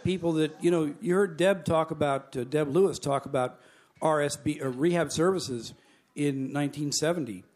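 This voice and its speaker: A man's voice: on the high side, normal speed, darkish tone. Folksy middle-aged man telling jokes. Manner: folksy joke-telling with chuckles. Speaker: convention speaker. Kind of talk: after-dinner jokes and speech. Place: banquet hall.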